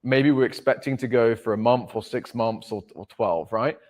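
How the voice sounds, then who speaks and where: A man's voice: mid-range voice, moderate pace, a little mellow. A man hosting a podcast, talking in a rambling, casual way, full of fillers and checking for agreement. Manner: rambling, filler-heavy, seeks agreement with "right?". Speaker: podcast host. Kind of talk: casual conversation.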